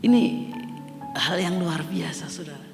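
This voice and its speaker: Over music, a middle-aged Javanese pastor speaks a little slowly in a slightly high, gravelly voice with a steady tone. He preaches in a church hall in Java, Indonesia, addressing the congregation again and again as he builds to emphatic peaks. The recording has long church reverb and a faint instrument behind.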